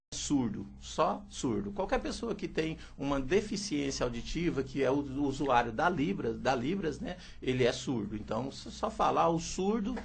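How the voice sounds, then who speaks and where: A man who teaches and interprets sign language answers questions in a radio interview, explaining things steadily and frequently adding "né." His voice is medium-pitched and creaky, with a slight hiss or hum on the recording.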